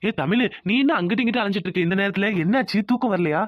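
A man voicing a gentle, puzzled young village husband in a cartoon. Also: sits high, rapid-fire, no room sound, muffled recording, lightly acted. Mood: teasing. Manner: plain, wondering, teasing.

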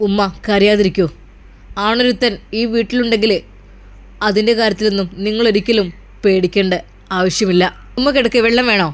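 A woman's voice: medium pitch, fairly even intonation, brisk, natural voice. A woman voicing a protective young husband and son who speaks firmly and reassuringly. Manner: firm, commanding, reassuring.

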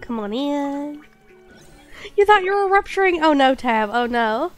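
Soft music plays behind a young streamer talking casually with her audience in a high-pitched, animated voice that runs a little slow. She has a stuffy nose and a lingering cough, stays bubbly and apologetic, and fills her speech with fillers.

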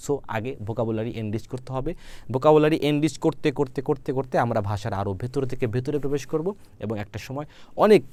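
This is a language lesson in which a man teaches Arabic to Bengali speakers, drilling each phrase several times before explaining it in Bengali with a Bangladeshi accent. His voice is medium in pitch and slightly mellow.

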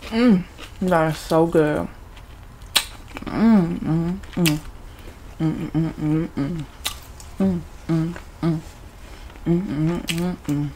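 A woman, chatting casually with her mouth full and chewing, relaxed and blunt, humming with enjoyment between bites. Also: low-pitched, very slow, long pauses, background noise. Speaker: vlogger. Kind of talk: casual rambling chat while eating.

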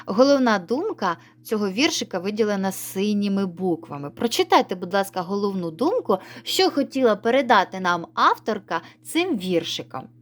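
A woman's voice: medium pitch, big pitch swings, normal speed, hardly any pauses. A woman teaching young children a reading lesson, coaxing and sing-song, calling them pet names. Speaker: primary school teacher.

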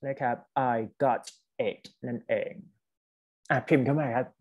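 A man's voice: medium pitch, fairly even intonation, a little mellow, highs cut off. Thai man teaching an online class. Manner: explains in Thai mixed with English, reading test lines slowly. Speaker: English teacher.

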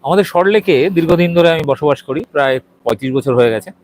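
A man's voice: a little high, expressive, fast, a little mellow, a little hiss or hum, poor audio. A middle-aged man doing a walking video report, hesitant and full of fillers, showing viewers around a small restaurant. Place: outside and inside a small restaurant.

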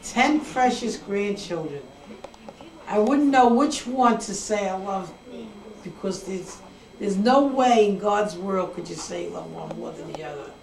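On an old VHS home video, an older grandmother is interviewed by her son and talks in an earnest, sentimental, rambling way. Her mid-range voice is expressive, a little slow, creaky and slightly mellow. The distant camcorder mic sounds echoey, with music behind her and slight background noise.

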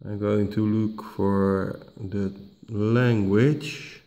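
A man whose native tongue is probably Dutch rather than English hosts a slow tech walkthrough on resetting a tablet, speaking into a camera mic at home in his dining room. His lowish voice stays steady with a dark tone. He moves at a leisurely pace, often saying "uh", restarting and correcting what he just said.

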